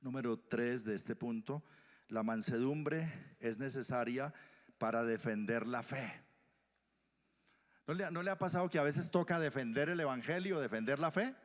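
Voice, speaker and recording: A male pastor from Colombia preaching a sermon, swinging from loud emphasis to hushed whispers. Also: medium pitch, moderate pace. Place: church hall. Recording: church hall reverb.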